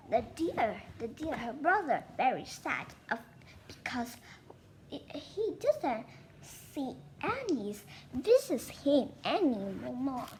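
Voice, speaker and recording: A woman retelling a fairy tale in halting, simple phrasing, often restarting her sentences. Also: high voice, a little hiss or hum. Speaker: storyteller.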